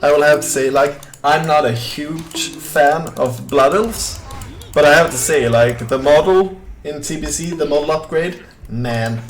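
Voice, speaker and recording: Soft background music plays as a young man with a Swedish accent, his voice a little high, chats unhurriedly on a game live stream. He reads the chat aloud and rambles, using many filler words.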